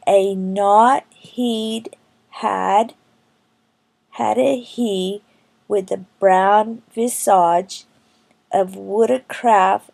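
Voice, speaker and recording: Woman, mellow and creaky, for very slow, halting recitation of Middle English verse. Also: medium pitch. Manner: halting, careful word-by-word delivery with stumbles.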